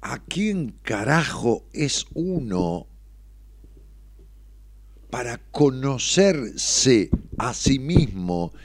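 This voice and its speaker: A middle-aged man with an Argentine accent giving a reflective motivational monologue, expressive and salty, always tossing in tag questions. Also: mid-range voice, drawn-out words, pauses often, no room sound. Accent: Argentine Spanish.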